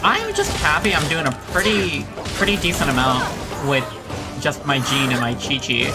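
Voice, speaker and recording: A game streamer offers casual, rambling commentary while playing, in an expressive, medium-pitched voice at a moderate pace. Chatty, with restarts and little exclamations, they talk over loud game music and sound effects.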